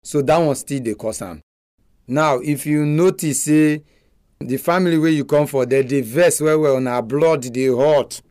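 A man's voice: a little high, moderate pace, darkish tone, no room sound, clean studio sound. A man with a Nigerian accent giving a religious radio talk in Nigerian Pidgin, repeating phrases for emphasis.

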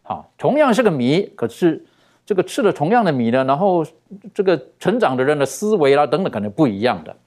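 A man giving a sermon, talking in an animated, conversational way with many fillers and drawn-out emphasis. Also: on the high side. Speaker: preacher.

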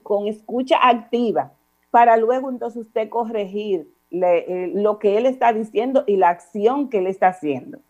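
A middle-aged woman with a Dominican accent giving calm, instructive parenting advice as a guest on a talk show. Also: mid-range voice, normal speed, muffled recording. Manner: calm, didactic, addresses listener formally with repeated examples.

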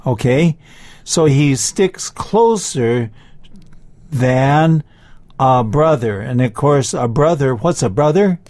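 Woman, low pitch, very slow pace, deliberate language teacher, checks understanding. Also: animated, a little mellow. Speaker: English teacher on a children's show. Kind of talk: slow language lesson, switching between English and Mandarin.

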